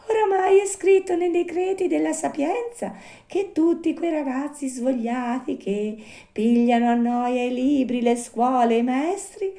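Storybook: a squeaky, gentle little marmot, played by a woman, slow and consoling. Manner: slow, soft, sighing and sympathetic. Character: kindly little female marmot, gentle and sad.

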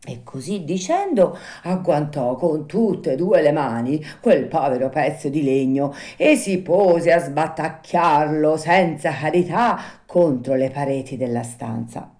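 A woman reads a classic storybook aloud in an unhurried, expressive way. Her voice sits low and mellow, swinging widely in pitch as she tells it. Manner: expressive, lively reading. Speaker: narrator. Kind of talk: storybook narration.

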